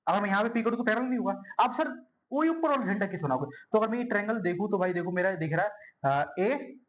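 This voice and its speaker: A man's voice: sits high, expressive, quick pace. A young man teaches a math lesson at a whiteboard. He is chatty and casual, calls his students bhai and yaar, and repeats words as he draws. A faint hiss of room noise sits behind his voice.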